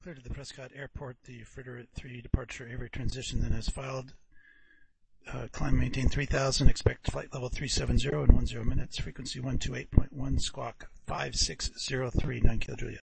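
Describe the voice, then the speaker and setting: A man speaking as a pilot, reading a clearance back over aviation radio. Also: mid-range voice, level tone, fairly quick, a little hiss or hum, rough recording.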